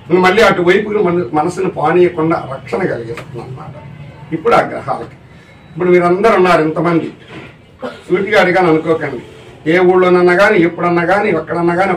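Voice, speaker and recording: A man's voice: high voice, echoey room, recorded from a distance, a little hiss or hum, rough recording. A man giving a religious discourse to a live audience as a spiritual teacher, often putting questions to the listeners. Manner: keeps asking the audience questions.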